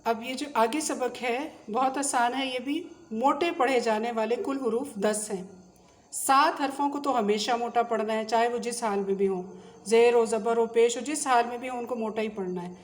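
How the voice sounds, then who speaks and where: A woman with a Pakistani Urdu accent teaching a tajweed lesson, patiently drilling letter sounds and repeating them slowly. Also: on the high side, fairly even intonation. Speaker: Quran recitation teacher.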